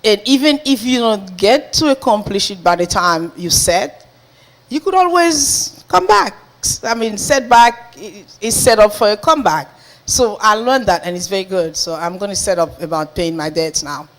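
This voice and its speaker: A woman giving a lively, laughing personal testimony to a small church group. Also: medium pitch, moderate pace. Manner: animated, laughing, lively storytelling. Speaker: congregation member giving testimony.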